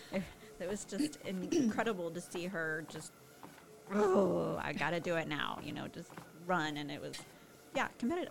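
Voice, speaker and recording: A woman chatting casually with a friend, supportive and encouraging in how she talks. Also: fairly low pitch. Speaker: co-host of a chat. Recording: noisy background ambience.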